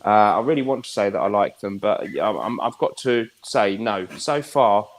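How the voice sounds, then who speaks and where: A man's voice: fairly low pitch, normal speed. A man joining a video call as a guest, hesitant and apologetic, with many fillers. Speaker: guest reviewer. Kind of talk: casual group chat.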